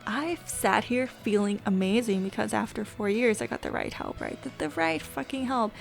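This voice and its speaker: A woman's voice: mid-range voice, sing-song, moderate pace, creaky, faint music behind. A woman vlogger chatting candidly in a casual confessional style, venting and swearing freely. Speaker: gaming vlogger. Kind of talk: casual confessional vlog chat.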